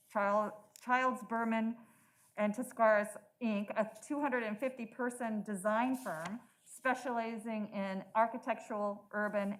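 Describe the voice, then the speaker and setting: A woman's voice: a little high, rough recording. A woman speaking through a face mask as a moderator, reading prepared introductions at a formal event.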